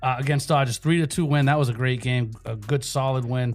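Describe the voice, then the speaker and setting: A man's voice: mid-range voice, steady tone, a little fast, faint music behind. Enthusiastic man hosting sports banter. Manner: slangy, enthusiastic fan talk. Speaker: sports show host. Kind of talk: casual sports banter and commentary.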